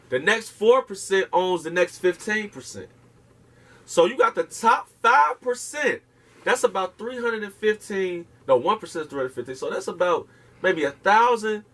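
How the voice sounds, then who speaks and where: A man as an interview guest lectures emphatically, swearing and firing rhetorical questions in impassioned, casual conversation. His voice is a little high and fairly bright.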